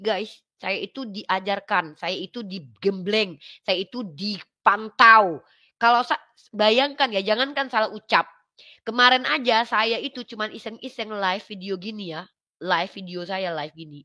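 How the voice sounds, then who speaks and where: A young adult woman casually talking on a livestream, animated and quoting others as she goes. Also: mid-range voice, measured pace. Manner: animated, quotes others in acted voices. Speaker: live streamer commenting on religious controversy.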